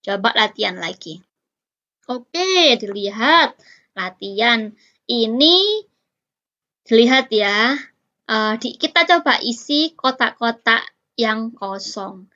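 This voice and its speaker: A woman's voice: fairly high pitch, animated, slow, pauses often, pushed and bright, highs cut off. A woman teaching a casual lesson, explaining patiently and stretching out example words, with rising quiz-like questions; her first language is Indonesian.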